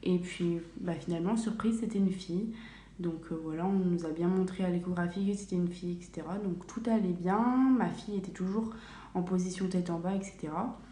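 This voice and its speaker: A woman's voice: on the low side, brisk, warm tone, slight background noise. A young woman vlogger chatting casually in a small bathroom at home, with lots of fillers and self-corrections. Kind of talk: casual vlog storytelling. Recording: echoey bathroom, faint room ambience.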